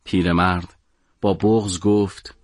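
A man narrating a story for an audiobook in a measured, dramatic way. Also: low voice, level tone, dry recording, clean studio sound.

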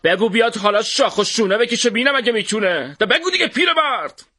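A man voicing a hot-tempered, bullying male shopkeeper in an audiobook, with a shouting, threatening delivery. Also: very high voice, expressive, voice pushed up, heavily acted. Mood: furious, threatening. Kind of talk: audiobook character voice.

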